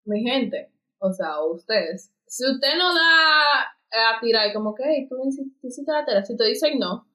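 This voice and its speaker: Animated young woman chatting. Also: normal speed. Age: young adult. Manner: animated, acts out quoted speech with big pitch jumps. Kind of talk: casual chat.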